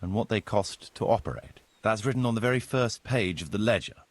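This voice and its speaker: In a video game, a male actor voices a courteous, businesslike medieval village steward who explains duties in a measured, formal, explanatory way. His natural voice is slightly husky and on the low side, recorded with no room sound.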